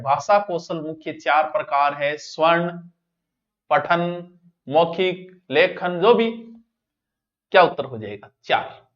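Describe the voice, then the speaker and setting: A man's voice: high-pitched, a bit bright, lo-fi sound. A man teaching an exam-prep lesson, talking straight to his students and repeating the key words.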